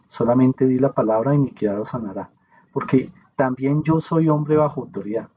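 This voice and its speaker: A man reading aloud a Bible commentary in a steady, measured way, now and then correcting himself. The recording is muffled and slightly hissy. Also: medium pitch. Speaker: reader.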